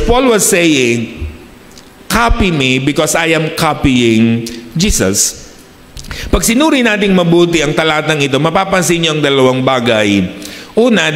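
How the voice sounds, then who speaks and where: Filipino male pastor, mid-high voice, sermon mixing in English, recorded in a reverberant church hall. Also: fairly bright tone. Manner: mixes English phrases into his preaching, asks the congregation "di ba?". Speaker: preacher.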